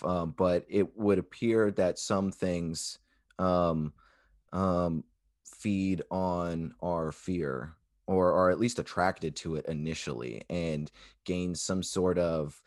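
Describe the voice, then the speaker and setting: A man with a very low voice talks through abstract ideas in a casual way. He goes slowly and tentatively, stopping to find words, in a dry, close recording. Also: darkish tone, no echo. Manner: halting, tentative, searching for words. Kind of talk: casual philosophical discussion.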